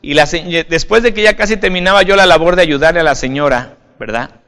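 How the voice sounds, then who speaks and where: A man's voice: fairly high pitch, brisk, fairly bright tone. A man, a pastor giving an informal video sermon, speaking conversationally and often checking in with the listener. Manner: conversational, often adds "right?", addresses listener as "usted". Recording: long hall reverb.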